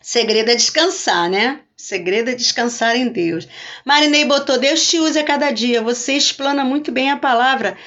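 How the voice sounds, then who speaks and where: Mulher pastora, voz aguda, fala de live. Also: female voice, high voice, normal speed, fairly bright tone, highs cut off. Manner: talks chattily and greets viewers by name. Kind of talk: live-streamed devotional talk.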